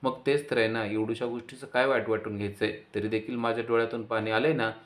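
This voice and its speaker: A man's voice: medium pitch, steady tone, fast, lightly acted. A man voicing a young man, a playful younger brother pleading and joking with his sister.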